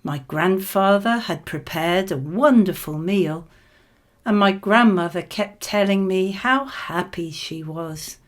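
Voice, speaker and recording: A woman with a medium-pitched voice reads scripted model answers for a spoken exam, her delivery measured and clearly phrased.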